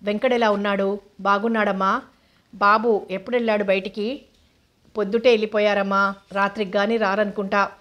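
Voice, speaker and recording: A woman reading a novel aloud as narrator, voicing every character in her own even tone. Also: medium pitch, moderate pace, long pauses. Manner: flat even reading, voices all characters plainly.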